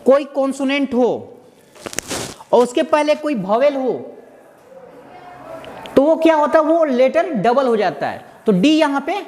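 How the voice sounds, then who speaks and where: A man teaching grammar, who asks his students rhetorical questions and answers them himself, and repeats and spells out words slowly. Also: very high voice, lively intonation, darkish tone. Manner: slow, repetitive explaining with spelled-out words. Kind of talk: explaining lesson to students. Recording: echoey room with faint background noise.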